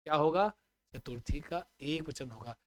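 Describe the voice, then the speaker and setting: A man teaching a Sanskrit exam-prep lesson online, chanting word forms slowly and coaxing his students with questions he answers himself. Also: on the high side. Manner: asks the class questions and answers them himself.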